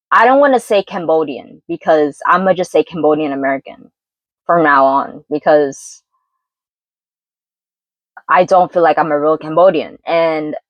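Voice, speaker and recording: Slow, earnest young woman vlogging. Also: fairly low pitch, no room sound, rough recording. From New York City, Brooklyn. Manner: earnest and reflective, with pauses and self-corrections. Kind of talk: candid personal vlog monologue.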